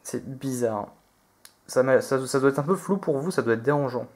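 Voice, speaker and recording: A man's voice: medium pitch, normal speed, a little mellow. Chatty man calling out trading cards. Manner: chatty, reads out each card name, hesitant restarts. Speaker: video host opening trading card packs. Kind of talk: relaxed unboxing commentary.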